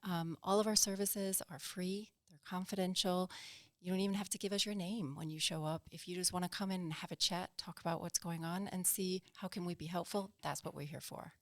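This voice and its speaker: A woman from Denmark with a Danish accent touched by northern English, speaking as a podcast guest in an earnest, measured way. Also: lowish voice, steady tone, dry recording, studio quality. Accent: Danish with a northern English tinge. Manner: measured, earnest, explains plainly. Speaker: guest, executive director of a nonprofit. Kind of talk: podcast interview. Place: small podcast studio. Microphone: studio mic on a boom, with headphones.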